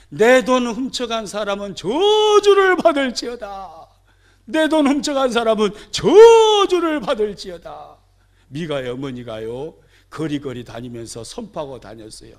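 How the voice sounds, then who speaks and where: A man preaching a sermon as pastor, swinging between loud outbursts and soft asides, questioning and joking with his congregation. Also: a little high. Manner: asks the congregation questions and jokes with them. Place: church sanctuary.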